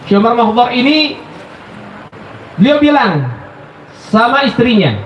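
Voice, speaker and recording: High-voiced man preaching in echoey hall. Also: measured pace, a little hiss or hum. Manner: animated storyteller, addresses listeners as brothers. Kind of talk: sermon storytelling. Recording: echoey, dull live recording.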